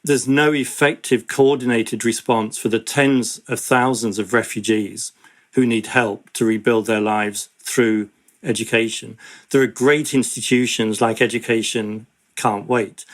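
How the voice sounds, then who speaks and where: A man's voice: medium pitch, steady tone, a little slow. Earnest man telling a story. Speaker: education advocate, interviewee. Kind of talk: reflective interview talk.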